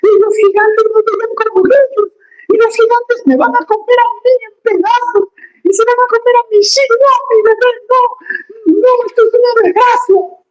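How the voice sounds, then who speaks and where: A preacher voicing a panicky, self-pitying frightened Israelite who whines in a high voice, in an echoey church hall. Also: fairly even intonation, moderate pace, highs cut off. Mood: wailing. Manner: whining, wailing in a high voice.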